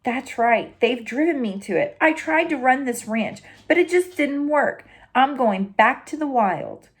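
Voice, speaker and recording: A woman's voice: high voice, animated, a little slow, breathy edge, exaggerated voice. A woman reading the lines of a proud, self-pitying male ranch dog in an indignant, dramatic manner. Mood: defiant.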